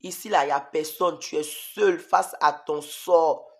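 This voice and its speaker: A man voicing a menacing male devil who shouts harsh orders from afar. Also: fairly high pitch, unhurried, creaky. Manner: harsh, hateful commanding shout.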